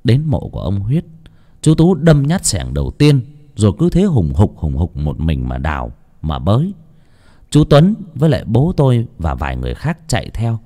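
Brief: male audiobook narrator, warm, dark tone, highly animated delivery. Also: normal speed. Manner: expressive storytelling with wide swings in pitch. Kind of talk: scripted horror story narration. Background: faint music.

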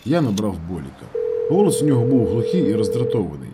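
A man narrating a novel in the first person as an audiobook reader, with steady storytelling. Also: fairly low pitch, fast talker, noisy background.

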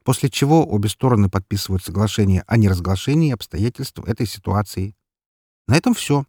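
A man voicing a calm, cunning young man who corners a swindler in a carefree, mocking tone. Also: fairly low pitch, a little fast, breathy edge, no echo, clean studio sound. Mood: businesslike.

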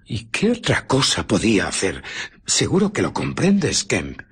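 A man with a Castilian Spanish accent playing an arrogant, amoral scientist who justifies himself in a radio drama, in a theatrical, deliberate storytelling manner. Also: on the low side, wildly swooping pitch, breathy edge, heavily acted. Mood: defensive. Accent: Spain.

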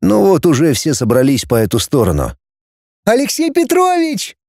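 A man narrating a novel as an audiobook, expressive and voicing each character. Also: medium pitch, brisk, creaky, husky, no room sound, clean studio sound.

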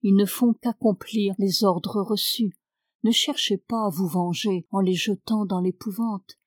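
Brief: calm wise nobleman, low and gentle, woman reader. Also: a little slow, no room sound, lightly acted. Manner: soft, gentle delivery.

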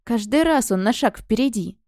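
A stern temple priest, read by a woman, delivers verdicts in a calm, cold, clipped way. The narrator's fairly high voice comes through dry and close. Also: moderate pace, no echo.

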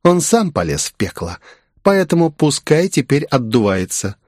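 A man's voice: mid-range voice, big pitch swings, moderate pace, no room sound, studio quality, pitched above the performer's own voice. A man voicing a haughty, scheming young princess who talks sharply and mockingly. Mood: gloating.

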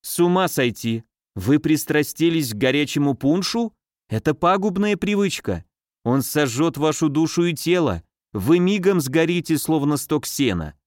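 A fussy, mincing nurse of middle age, easily frightened and quick to scold, as a male audiobook reader puts her on. Her voice rides high and turns shrill when she panics, set in a dry, close recording. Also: expressive, a little mellow, dry recording, natural voice.

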